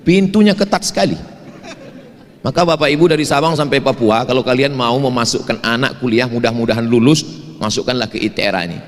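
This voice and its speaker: A male preacher gives a jokey sermon to students in a big hall at an evening campus event. His voice sits at a middle pitch and carries a long reverb. He tells stories with lively asides. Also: fairly quick. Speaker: preacher and university lecturer.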